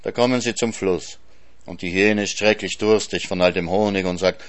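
A man reading a folk tale aloud as narrator, calm and measured. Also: low-pitched. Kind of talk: scripted story narration.

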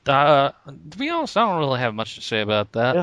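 A man's voice: mid-range voice, huge pitch swings, fast talker, a bit bright, clear, resonant tone, dry recording. A man casually talking about comics, hesitant and laid-back with many ums. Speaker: comic book podcast co-host. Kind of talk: casual chat.

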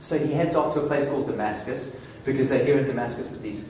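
A man preaching a sermon, telling a Bible story in a lively storytelling way and voicing the inner thoughts of its people. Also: medium pitch, quick pace, very echoey, far from the mic, slight background noise, rough recording.

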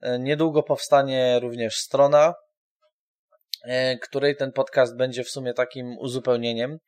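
A man hosting a podcast, speaking informally and haltingly with frequent pauses as he gives an introduction. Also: mid-range voice, level tone, darkish tone. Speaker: podcast host.

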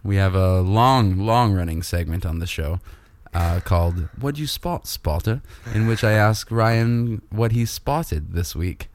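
A man's voice: fairly low pitch, unhurried, few pauses, a little mellow, slight background noise. A man co-hosting a podcast, chatting casually in a laid-back, jokey, rambling way. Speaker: podcast co-host. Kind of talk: casual chat. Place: Canada.

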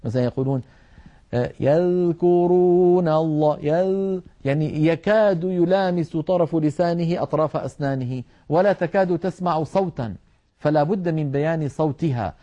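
A middle-aged man with a dark, mellow tone teaches Quran recitation. He talks at a measured pace, explaining step by step and sounding out individual letters so learners can copy them. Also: fairly high pitch, highs cut off. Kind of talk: televised tajweed lesson.

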